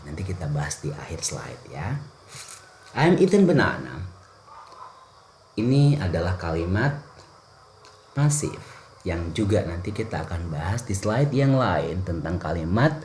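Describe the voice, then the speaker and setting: Deep-voiced Indonesian-accented male teacher. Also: very animated, unhurried, darkish tone, slight background noise. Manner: switches between Indonesian and English, playful examples. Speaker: English teacher. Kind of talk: bilingual classroom lesson over slides.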